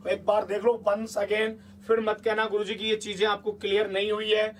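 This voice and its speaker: Male teacher with a high voice, chatty exam-prep lesson, keeps checking the class, mic a bit distant. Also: completely flat delivery, moderate pace, a little hiss or hum. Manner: chatty, coaxing, asks the class repeated check questions.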